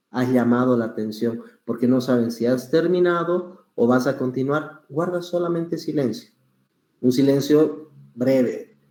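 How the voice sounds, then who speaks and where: Man teaching, mellow voice. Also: mid-range voice, echoey room. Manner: patient, explains with examples, varies pace and volume deliberately. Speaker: public speaking instructor. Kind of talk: online class teaching.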